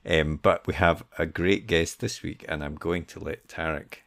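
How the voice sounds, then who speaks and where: Man, podcast co-host, rambling casual chat, very deep with gravel in it. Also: steady tone, normal speed, a bit bright. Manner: loose, rambling delivery with many fillers.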